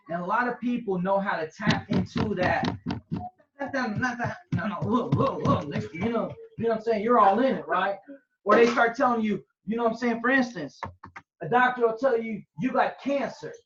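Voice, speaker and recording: A man's voice: sits high, moderate pace, noisy background. Brief: male Bible teacher, chatty and conversational, dull echoey room recording. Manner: conversational, repeats "you know what I'm saying" and "right?"; acts out quoted reactions with sudden loud cries. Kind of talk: casual scripture teaching to a group.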